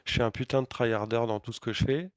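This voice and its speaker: Podcast co-host, male, mid-pitched, swears freely, animated storyteller, dry close sound. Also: fast, dry recording. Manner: animated, crude slang and swearing; frequent filler hesitations. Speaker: podcast co-host and competitive player. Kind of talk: casual storytelling chat.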